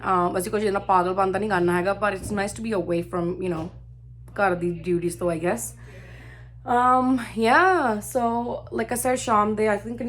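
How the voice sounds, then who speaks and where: A woman vlogger chatting casually to her viewers, slipping English phrases into her talk. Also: mid-range voice. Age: adult, a mother of children. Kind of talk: casual vlog chat.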